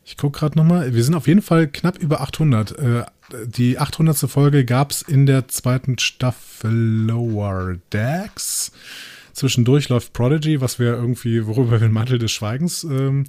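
A man co-hosting a casual podcast, with a middling pitch. He rattles off episode trivia and jokes at his own expense, recorded dry and close to the mic. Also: normal speed, darkish tone, no room sound. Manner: self-mocking, nerdy trivia quizzing. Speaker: podcast co-host.

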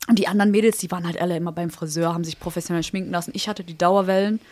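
A young woman, chatting casually as a podcast co-host and telling stories in a lively, blunt way. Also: fairly low pitch, very fast, dry recording. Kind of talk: casual chat.

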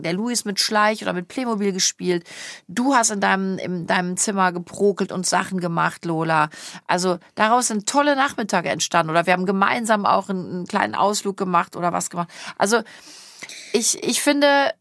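A woman's voice: mid-range voice, animated, normal speed, fairly bright tone, no echo, studio quality. A woman in her forties, a mother and podcast host, chatting casually and lecturing her daughter in a direct way. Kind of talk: casual family chat.

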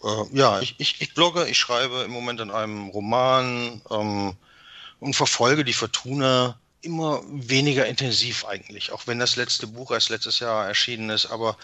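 A man's voice: mid-range voice, moderate pace, pushed and bright, dry recording. A man in his sixties, a guest author in a casual podcast chat, talking hesitantly with fillers and restarts over a remote call. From Düsseldorf area, Germany. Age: 60s.

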